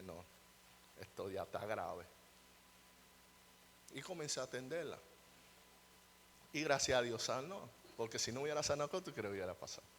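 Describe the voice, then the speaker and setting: A young adult male pastor preaching a sermon, dropping to quiet asides and rising to loud, high, mocking outbursts. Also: a little hiss or hum. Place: church hall. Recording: long church hall reverb.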